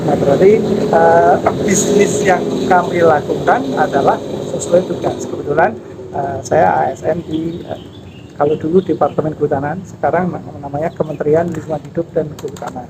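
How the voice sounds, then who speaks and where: Measured man in his fifties, noisy surroundings. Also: on the high side, fairly even intonation. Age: 50s. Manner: measured, explanatory, pauses with fillers. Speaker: national park office head. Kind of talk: interview answers. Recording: noisy background with passing vehicles.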